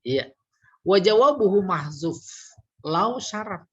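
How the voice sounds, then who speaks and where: A man lectures slowly with a husky grain, his carrying a lilt. He teaches Quran commentary in a teasing, animated way while working through Arabic grammar terms. The recording sounds dull and lo-fi. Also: sits high. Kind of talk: religious study lecture.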